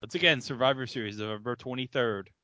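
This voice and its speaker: A man's voice: medium pitch, quick pace, bright, forceful tone, lo-fi sound. A man chatting casually as a podcast co-host, chiming in playfully and eagerly. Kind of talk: casual chat.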